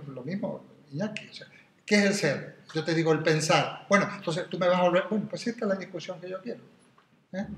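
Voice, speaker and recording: Echoey man lecturing. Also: on the high side. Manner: digressive, questioning, many tag questions. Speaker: philosophy teacher. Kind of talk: classroom lecture. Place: classroom. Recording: echoey room with faint noise.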